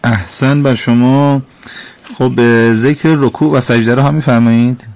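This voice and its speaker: A man hosts a call-in radio program teaching Quran recitation, patiently and politely correcting callers' recitation and pronunciation. His mid-range voice is steady and somewhat dark.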